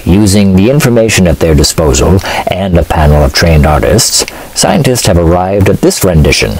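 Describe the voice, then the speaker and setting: A man with a very low, slightly husky voice narrates in a solemn, deadpan documentary style. His pitch rises and falls with lively movement, giving the read a grave but theatrical sweep. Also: normal speed, low-quality recording. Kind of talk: mock nature documentary narration.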